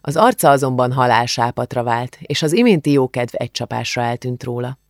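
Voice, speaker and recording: A man narrating an audiobook in a calm, steady reading voice. His pitch sits in the middle range and the recording is dry and close, with no room around it. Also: no echo.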